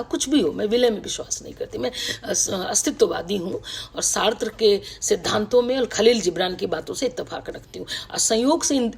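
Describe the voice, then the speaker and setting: Middle-aged woman on a video call, kinda husky voice, thoughtful, lots of pauses and umms. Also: mid-range voice. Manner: reflective, warm-hearted, many pauses and fillers. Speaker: writer speaking to an online audience. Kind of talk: personal reminiscence, casual talk.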